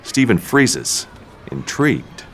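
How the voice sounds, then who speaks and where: A man reading the stage directions in a table read, dry and unhurried. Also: mid-range voice, big pitch swings, creaky, background noise.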